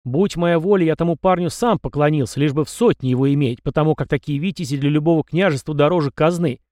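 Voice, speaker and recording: A man reading an audiobook and voicing a stern middle-aged commander who scolds and scorns his young charge in a loud, raised voice. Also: on the high side, quick pace, no room sound, clean studio sound, lightly acted. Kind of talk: audiobook character voice.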